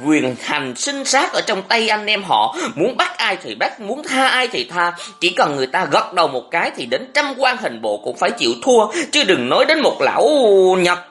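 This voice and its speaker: A woman's voice: fairly low pitch, very animated, moderate pace, fairly bright tone, voice pushed up. A narrator voicing a bitter, suspicious young mother who scolds her brother in an audiobook. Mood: reproachful. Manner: scolding, reproachful. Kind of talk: audiobook character reading.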